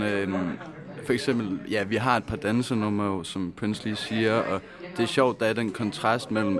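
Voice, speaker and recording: Low Danish band member amid a crowd. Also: male voice. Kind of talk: casual interview answers. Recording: crowd chatter in the background.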